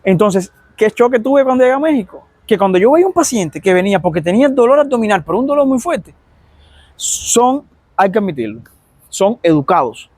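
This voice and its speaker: A Cuban-accented man, a doctor talking casually to his vlog audience, with a rather high voice. He tells his stories animatedly and acts out his patients' complaints. The recording is close and dry, with no room echo. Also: sing-song, a little fast, darkish tone. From Cuba.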